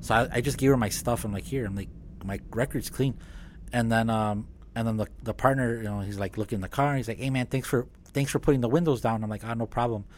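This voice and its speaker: A man who owns a business, speaking as a guest in a casual podcast conversation and talking in a relaxed, halting way. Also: lowish voice, slight background noise. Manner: relaxed, halting with many restarts and fillers.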